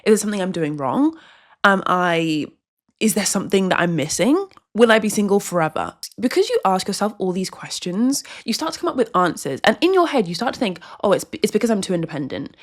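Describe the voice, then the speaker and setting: Brief: young woman, vlog host, earnest and chatty, pitch bouncing all over. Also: sing-song, a little fast. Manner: earnest, chatty, many restarts and likes. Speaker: video host. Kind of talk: casual vlog talk to camera.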